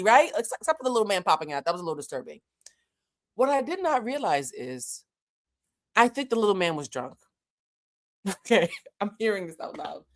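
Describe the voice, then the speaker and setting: Speaking straight to her viewers, a Boston-based channel host whose first language is French shares a relaxed story in an animated, profane style. Her voice is pitched in the middle range.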